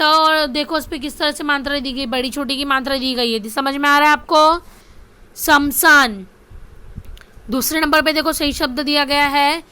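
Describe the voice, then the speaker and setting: A woman's voice: high-pitched, pushed and bright. A woman teaching a spelling lesson to children, saying each word twice and often checking whether the students can see it. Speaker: Hindi grammar teacher. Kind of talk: slow classroom spelling lesson.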